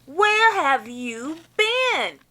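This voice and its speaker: Storybook Santa Claus, performed by a woman: old man, hearty and booming, animated delivery, unhurried. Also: a little hiss or hum, exaggerated voice. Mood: puzzled.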